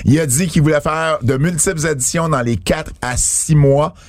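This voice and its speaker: A man's voice: on the high side, moderate pace, no echo. A man with a Quebec French accent co-hosting a wrestling podcast in casual chat, talking with many fillers and restarts.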